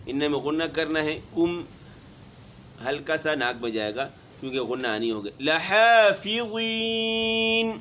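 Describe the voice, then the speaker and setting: A man teaching Quran recitation. He chants each verse slowly and melodically, then explains the pronunciation of the letters quickly in a lower, plainer speaking voice. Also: steady tone, a bit bright, a little hiss or hum. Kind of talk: tajweed lesson, recitation with explanation.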